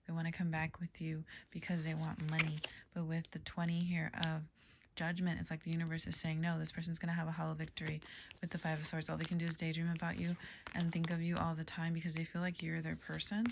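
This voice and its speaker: A woman giving a tarot reading to a general audience, in a calm, even delivery with soft whispered asides. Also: low-pitched, gravelly, slight background noise. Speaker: tarot reader.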